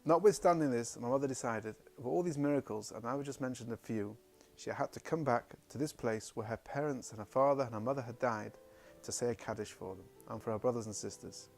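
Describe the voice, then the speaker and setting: A man recounting a family story in a halting way, often repeating words. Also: medium pitch, vocal fry, faint music behind. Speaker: speaker recounting family history. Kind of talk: spoken personal testimony.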